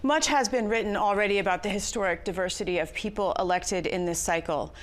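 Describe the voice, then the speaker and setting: A woman interviewer asking prepared questions in a measured, formal broadcast manner. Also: medium pitch.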